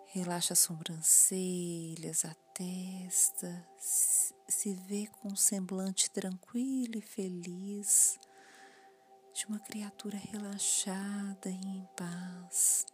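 A woman guiding a relaxation body scan in a soft, often whispered, soothing voice. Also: fairly low pitch. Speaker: meditation guide.

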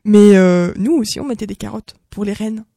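A woman chatting casually in a group talk, lively and exclamatory, with many fillers. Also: mid-range voice, normal speed, vocal fry, no echo, clean studio sound.

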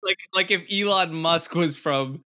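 Bright, slangy man. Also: on the high side, measured pace. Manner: animated, slangy storytelling. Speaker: podcast host. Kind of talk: casual chat.

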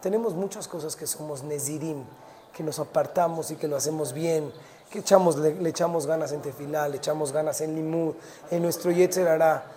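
A Torah teacher giving a short talk, animated, mixing in Hebrew terms and acting out little dialogues. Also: medium pitch, fairly quick.

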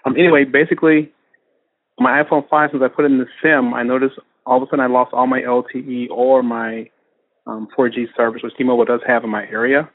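A man calling in to a radio show, leaving a casual voicemail that is played over a phone line, rambling and halting with fillers and restarts. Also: mid-range voice, little pitch movement, dry recording. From Texas, USA. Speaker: caller.

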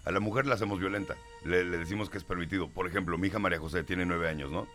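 A man's voice: low voice, fairly even intonation, racing, fairly bright tone, soft background music. A middle-aged man with a Mexican Spanish accent co-hosting a talk show, reading listener comments aloud and answering them emphatically. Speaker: radio show host.

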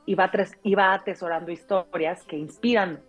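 A woman's voice: on the low side, normal speed, soft background music. A woman with a Mexican accent, a radio announcer, telling a childhood story in a casual interview, peppering her talk with tag questions. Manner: lively anecdotal telling, frequent "o sea" and "¿no?" tags.

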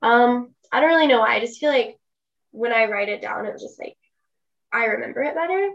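Chatty young woman, higher voice. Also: a little fast, a bit bright, highs cut off. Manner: chatty, full of "like" and "um" fillers. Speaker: podcast co-host. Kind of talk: casual chat.

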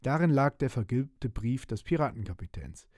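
A man reading a children's story aloud, lively and expressive. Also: medium pitch, moderate pace, no room sound, studio quality. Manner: lively, expressive, voices the characters. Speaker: narrator.

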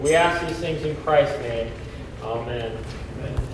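A man preaching a sermon as pastor, emphatic, posing questions and answering them, then leading a prayer, with a cathedral-like booming echo. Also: unhurried. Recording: heavy hall echo, distant mic, faint noise.

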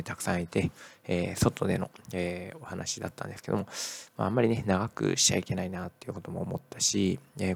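A middle-aged male teacher talking casually in a podcast monologue, relaxed and full of "eh" fillers. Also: sits low, vocal fry, husky, no room sound.

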